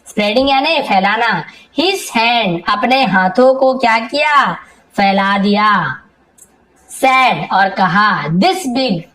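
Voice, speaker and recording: A woman teaching English reading in Hindi, reading each English phrase slowly and then explaining it word by word, often asking and answering her own questions. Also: medium pitch, a bit bright, rough recording. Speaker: English tutor.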